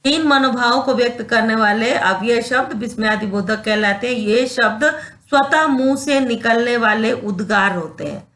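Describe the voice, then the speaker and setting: A woman's voice: a little high, moderate pace, a bit bright. A woman teaching a grammar lesson, who explains step by step, reads out example sentences and checks that her students follow.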